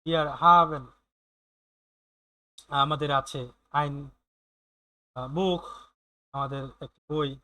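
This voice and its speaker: A man teaching German in an online class, explaining slowly with many fillers and often checking in with his students. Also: medium pitch, fairly even intonation, bright, forceful tone, dry recording.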